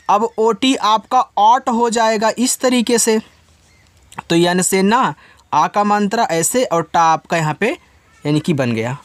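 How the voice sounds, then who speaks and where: A man's voice: sits high, no echo. A man teaching English spelling and reading, patiently repeating each point and asking his students questions.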